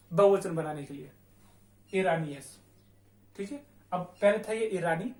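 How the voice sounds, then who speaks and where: A young man with a fairly high voice teaches a language lesson with a light Rajasthani Hindi accent. He spells words out slowly and checks in with his students again and again. The room around him sounds echoey and bare. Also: darkish tone. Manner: repetitive, checks in often with "theek hai". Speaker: Spanish teacher. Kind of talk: classroom-style language lesson.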